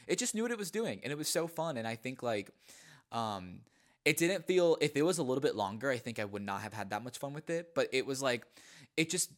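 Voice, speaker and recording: Young guy cohosting a podcast, playful and animated, voice jumps up high to make a point. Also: fairly quick. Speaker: podcast co-host. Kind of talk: casual chat.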